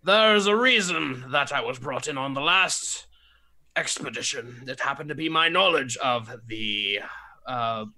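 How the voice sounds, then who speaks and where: A man's voice: medium pitch, animated, unhurried, bright, forceful tone, exaggerated voice. A man voicing a grumpy old man adventurer in a tabletop game, guarded and ominous, with a grumbling delivery.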